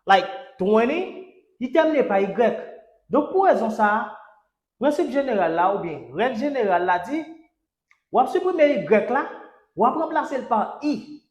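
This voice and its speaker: Slow, drilling Haitian male teacher. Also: very high-pitched, big pitch swings. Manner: drills each word, repeating it three times; spells out letters and urges "let's go". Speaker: English teacher. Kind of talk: language lesson. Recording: echoey room.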